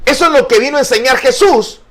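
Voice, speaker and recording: A man's voice: very high voice, fast, fairly bright tone. A male pastor teaching a Bible study, earnest and explanatory, with frequent fillers and repeated words. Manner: addresses listeners as brother.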